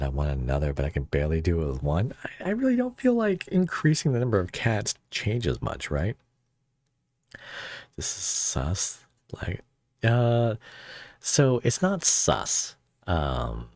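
A man chats casually on a livestream through a voice changer that pitches him very deep. He rambles and jokes, often interrupting himself. The sound is clean studio audio with no echo.

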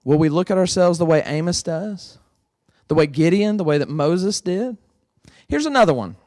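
A man's voice: on the high side, lively intonation, normal speed, darkish tone, no echo, studio quality. A male pastor preaching a sermon in a playful, conversational way.

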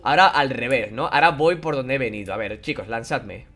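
A man commentating a horror game playthrough, taunting and swearing at the characters in a playful, animated way. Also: mid-range voice, a little fast. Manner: animated, playful sound effects and singing. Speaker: gameplay commentator. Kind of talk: casual let's-play commentary.

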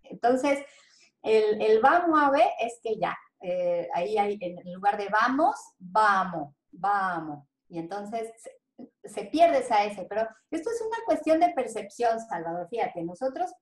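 A woman's voice: a little high, normal speed. Mexican woman, linguist guest, chatty demonstrative delivery, echoey room. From central Mexico. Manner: animated, demonstrates pronunciations, many fillers. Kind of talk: explanatory interview talk.

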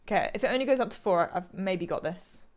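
A woman's voice: medium pitch, expressive, fast talker. A young woman with an English accent, chatting and thinking aloud as she streams a video game from a close desk mic. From England. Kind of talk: casual live gameplay commentary. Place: small room at home. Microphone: close desk microphone.

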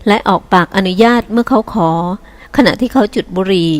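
A woman reading a novel aloud as an audiobook narrator, in a steady, even manner. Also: medium pitch, a little fast.

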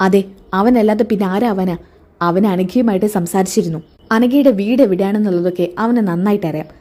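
A woman's voice: mid-range voice, brisk, dark tone, natural voice. A woman doing an earnest helpful informant.

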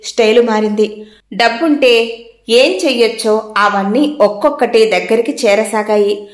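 Woman narrating a story, echoey room. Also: fairly high pitch. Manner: steady, expressive storytelling. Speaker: audiobook narrator.

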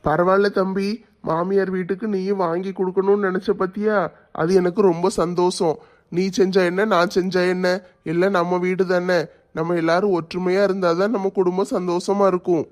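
A man's voice: high voice, little pitch movement, fairly quick. A man playing a kind, reassuring father-in-law in a family skit. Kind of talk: family comedy skit acting.

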